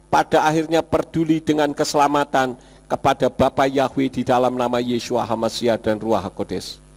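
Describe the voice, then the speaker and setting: High-voiced pastor in an echoing hall. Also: male voice. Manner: animated storytelling, jumps high and drops low. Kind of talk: sermon with personal testimony. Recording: long reverb of a hall.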